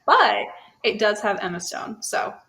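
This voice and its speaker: A woman's voice: mid-range voice, very animated, a little slow, vocal fry, pushed and bright. A woman hosting a casual TV chat show, talking loosely with many fillers. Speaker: podcast host.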